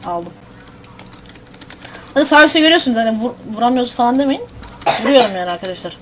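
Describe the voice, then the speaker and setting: A young woman giving casual gameplay commentary at her home computer, excitable and swearing at the game. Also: on the high side, fast, background noise. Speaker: gamer streaming a shooter.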